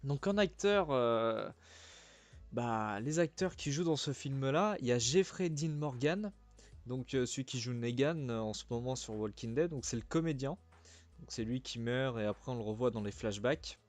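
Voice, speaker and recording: A man's voice: medium pitch, lively intonation, moderate pace, faint music behind. A man giving a casual, chatty film review, full of hesitant fillers, restarts and informal slang. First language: French.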